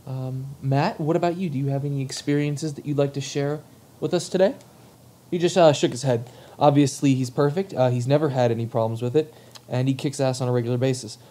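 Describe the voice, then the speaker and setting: A man's voice: medium pitch, brisk, dark tone. Joking young man hosting a podcast. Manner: joking, mock-formal, swears casually. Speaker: podcast host. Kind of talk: casual comedic podcast chat.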